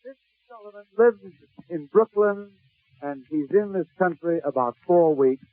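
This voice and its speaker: Spinning comic tales for a 1940s radio broadcast, this man speaks in a slightly high, animated voice at a moderate pace, punching out short, theatrical lines. The sound is echo-free but tinny and narrow-band, as on old 1940s radio.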